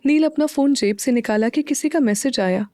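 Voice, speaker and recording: A woman narrating a serialized audio story in a steady, even storytelling manner. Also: sits high, normal speed, no room sound, studio quality.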